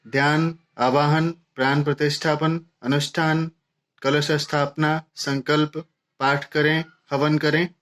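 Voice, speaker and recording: Male teacher, slightly high voice, flat even delivery, measured one-word-at-a-time recitation of a vocabulary list. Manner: measured, listing words one by one with pauses.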